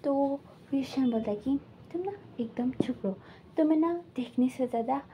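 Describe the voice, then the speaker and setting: A woman's voice: high-pitched, moderate pace, lo-fi sound, slight background noise. A woman casually retelling a fanfiction story, rambling with lots of fillers.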